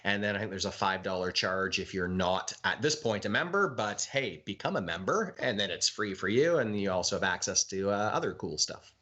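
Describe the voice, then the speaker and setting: Canadian guy being interviewed, lowish but bright voice, chatty and kinda halting. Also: animated. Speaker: ghost tour guide, interview guest. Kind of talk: casual interview talk.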